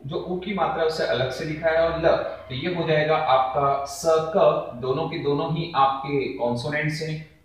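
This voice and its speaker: A male teacher explains a lesson, stretching out each word slowly as he drills its sounds. His voice sits a little high for a man. It rings around a very echoey room. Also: fairly bright tone. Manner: slow, drawn-out word pronunciation drills. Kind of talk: classroom-style lesson explanation.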